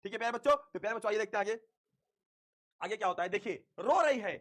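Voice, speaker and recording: A male teacher explaining an English poem in a lecture, slow and emphatic when he recites lines, often repeating himself to check that his students follow. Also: high-pitched, lively intonation, a bit bright.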